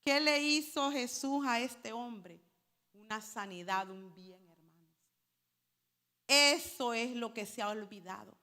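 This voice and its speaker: A woman's voice: a little high, slow, pushed and bright. A woman preacher delivering a sermon to her congregation, calling them brothers and explaining Hebrew words for holy. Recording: hall reverb.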